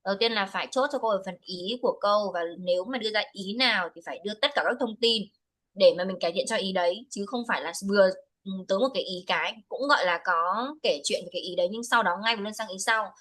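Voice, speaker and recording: Over a video call, a woman gives one-to-one speaking test feedback, firmly correcting her student while switching between English and Vietnamese. She talks quickly in a medium-pitched, slightly bright voice, and the recording is low quality.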